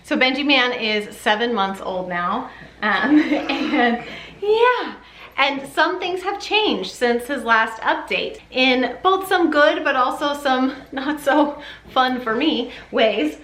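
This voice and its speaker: Speaking slowly and expressively in a high, fairly bright voice, a mom vlogger chats informally about parenting, giggling and rambling a little. She records in an echoey upstairs bedroom at home.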